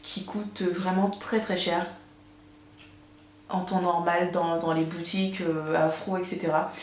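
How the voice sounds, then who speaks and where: Speaking at a measured pace with a flat delivery, this woman has a lowish voice. She's a beauty vlogger doing a chatty, enthusiastic haul full of fillers, captured at home on a camera mic in an echoey room with slight background noise.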